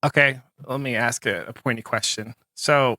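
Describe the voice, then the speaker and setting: A man co-hosting a podcast in casual conversation, sarcastic and animated. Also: medium pitch, moderate pace, dry recording, studio quality. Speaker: podcast co-host.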